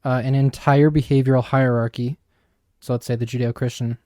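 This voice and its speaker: Young man, podcast co-host, flat monotone, mellow tone, dry close sound. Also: medium pitch, a little fast, no room sound. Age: young adult. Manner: thoughtful, explanatory, with frequent fillers. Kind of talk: casual podcast discussion.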